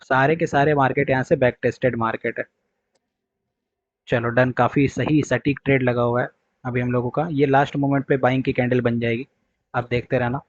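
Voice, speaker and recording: A man's voice: mid-range voice, little pitch movement, brisk, dry recording, muffled recording. Blunt man lecturing on trading. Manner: scolding, direct, repeats "clear?" and "okay". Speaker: trading teacher.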